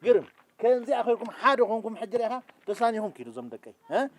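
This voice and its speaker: An actor in a sitcom, playing a blustering, animated man. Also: high voice, rapid-fire. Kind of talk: sitcom acting.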